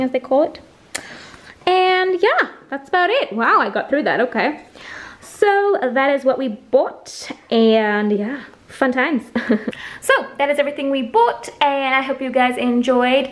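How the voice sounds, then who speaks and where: A young woman, chatting casually through a grocery haul at home, with lots of fillers. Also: high-pitched. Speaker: vlogger. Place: home kitchen, indoors.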